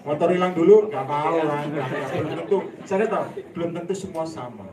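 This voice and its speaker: A man preaching a sermon in a church hall, telling a story with laughter and sudden loud outbursts. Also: fairly high pitch, brisk, a crowd in the background. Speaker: evangelist preacher. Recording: echoey hall, voice from a distance.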